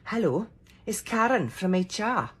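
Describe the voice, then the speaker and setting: A woman's voice: medium pitch, big pitch swings, unhurried, fairly bright tone, slightly rough. A woman doing a comic sketch, repeating one greeting in a string of mimicked accents. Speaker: TikTok comedian.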